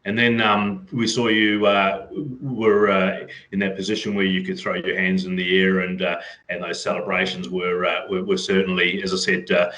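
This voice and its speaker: A man's voice: low voice, level tone, moderate pace, bright, forceful tone, poor audio. A man interviewing a cyclist, asking long rambling questions full of "you know" and "um". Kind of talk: casual interview.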